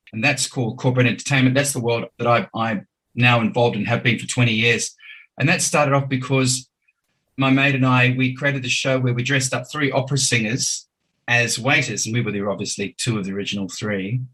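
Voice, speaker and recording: A man's voice: medium pitch, fairly bright tone, rough recording. A man, a podcast guest telling his story in a chatty, enthusiastic way with plenty of ums. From New Zealand. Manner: chatty, enthusiastic, filler-laden. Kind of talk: casual interview storytelling.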